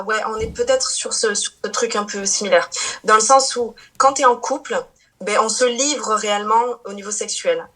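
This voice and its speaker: Guest: a woman in her thirties, casual, chatty, quick to laugh. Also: medium pitch, fairly bright tone. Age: 30s. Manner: chatty, many fillers and restarts, laughs easily. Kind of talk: casual chat.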